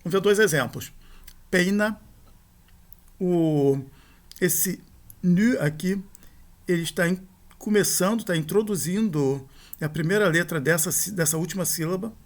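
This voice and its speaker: A middle-aged man delivers a recorded grammar lecture in a somewhat high voice. He explains step by step and often corrects himself mid-sentence. Short tag questions keep checking that the listener is following. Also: measured pace, pauses often. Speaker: teacher.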